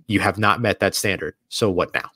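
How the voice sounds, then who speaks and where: A man co-hosting a sports podcast breaks down his points earnestly, step by step, in a low-pitched, pushed and bright voice at a moderate pace. The recording, made in a hotel or studio room away from home, is dry and clean with studio quality.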